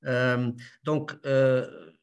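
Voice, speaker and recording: Man, mid-pitched, guest expert, halting delivery with frequent "euh"s, explains step by step. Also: steady tone, vocal fry, smooth, lo-fi sound. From Belgium. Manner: halting, many fillers and restarts, explains step by step. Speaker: guest lawyer and mediator. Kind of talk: explanatory interview answers.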